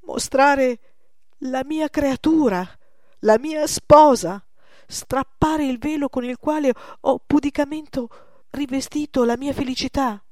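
A woman's voice: medium pitch, animated, unhurried, a little mellow, no room sound, studio quality, natural voice. A woman voicing an old male master painter, exclaiming with passion. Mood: anguished. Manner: exclaiming, impassioned.

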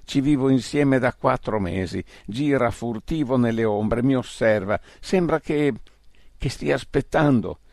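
A man reading the part of a frightened old man in a wheelchair, halting and hesitant, in an audiobook. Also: mid-range voice, darkish tone, no room sound, clean studio sound, pitched above the performer's own voice, natural voice. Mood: fearful.

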